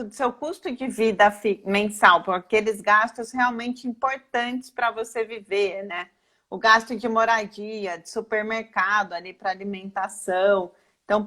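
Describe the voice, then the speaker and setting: A Brazilian Portuguese-accented woman with a fairly high, fairly bright voice works as a financial planner. In a live online session, she gives an informal, didactic explanation, asking questions and then answering them herself.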